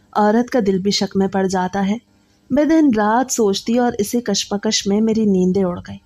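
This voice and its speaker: A woman narrating a first-person story with a steady, earnest storytelling manner. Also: mid-range voice.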